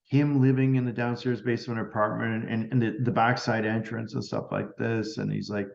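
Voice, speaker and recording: A man's voice: fairly low pitch, flat delivery, moderate pace, vocal fry. Roomy-sounding man telling a story. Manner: retells conversations by acting out both sides, with many "like" fillers. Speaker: medium, podcast guest. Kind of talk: storytelling in a casual interview. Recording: roomy and slightly dull sound.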